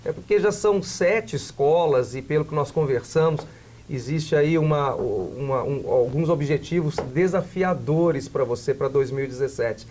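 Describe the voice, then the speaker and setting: A man's voice: fairly high pitch, normal speed, a little mellow, slight background noise. A man with a Brazilian Portuguese accent hosting a TV business interview, asking several rephrased questions in a row. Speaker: TV talk show host.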